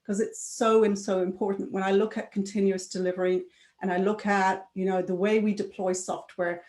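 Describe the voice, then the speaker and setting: A woman's voice: medium pitch, level tone, moderate pace, darkish tone, reverberant. A woman giving a conference talk in a conversational way, often adding tag questions. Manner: conversational, adds tag questions, laughs now and then. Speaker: conference speaker. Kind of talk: presentation talk.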